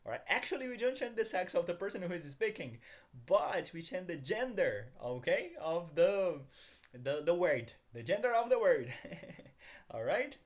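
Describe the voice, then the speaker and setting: Lively Brazilian teacher, man. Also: sits high. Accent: Brazilian Portuguese. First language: Portuguese. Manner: upbeat, repeats phrases slowly, laughs at himself. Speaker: Portuguese teacher. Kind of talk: language lesson, mixing English explanation with Portuguese examples.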